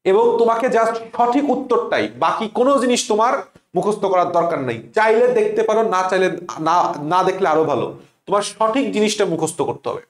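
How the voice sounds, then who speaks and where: Young male tutor, high voice, quizzes himself as he drills points, roomy echo. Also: expressive, fast talker. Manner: drilling, asks and answers own questions. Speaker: admission test tutor. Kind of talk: online lesson.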